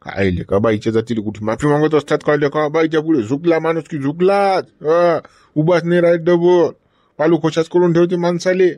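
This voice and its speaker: A man's voice: a little high, fairly even intonation, normal speed, darkish tone, no echo. A man in comic village banter, blustering and dismissive.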